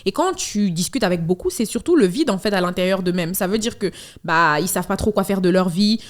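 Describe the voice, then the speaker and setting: A young woman speaking as a guest in a casual panel discussion, animated, laughing and apologizing as she talks. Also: mid-range voice, a little fast.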